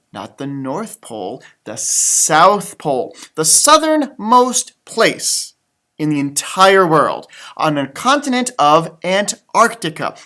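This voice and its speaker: Hosting a read-aloud of a children's storybook, this man has a fairly high voice for a male and an animated, swooping style. Like a teacher, he repeats and exaggerates phrases for the young audience.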